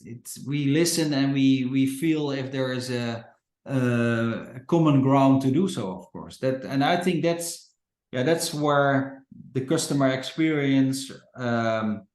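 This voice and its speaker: A man's voice: medium pitch, a little mellow. Dutch man, hesitant, echoey room. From Netherlands. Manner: hesitant, many fillers and restarts. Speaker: company founder, guest. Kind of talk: casual podcast interview. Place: Portugal.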